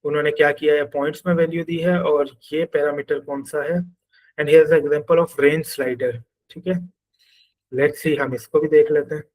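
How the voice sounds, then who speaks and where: Man, Pakistani Urdu accent, coding teacher, step-by-step explanations, slightly high voice. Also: little pitch movement, normal speed, a little mellow, rough recording. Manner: explains step by step, thinks aloud while coding. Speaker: programming teacher. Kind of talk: screen-share coding class.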